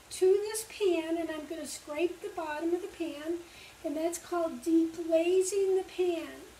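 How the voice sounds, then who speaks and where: In a home kitchen, an older woman who runs kids' cooking classes at the library patiently guides children through a recipe. Her extremely high voice has a darkish tone, and the far-off camera picks up kitchen echo, a little hiss or hum, and meat frying faintly nearby.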